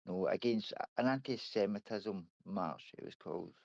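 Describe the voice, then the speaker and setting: A low, gravelly man runs a casual group voice chat, blunt and coarse. His voice comes through a dull, lo-fi microphone with a dry, close sound. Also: moderate pace, a little mellow, dry recording. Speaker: voice chat panel host.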